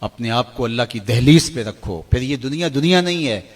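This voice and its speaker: With lively intonation, a middle-aged male preacher preaches an emotional sermon, his voice ranging from hushed lows to soaring cries as he slowly chants verses.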